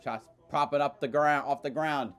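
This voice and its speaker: A man hosting a live stream, casually reacting to a car race with sudden excited outbursts. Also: a little high, normal speed, smooth. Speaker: livestream host.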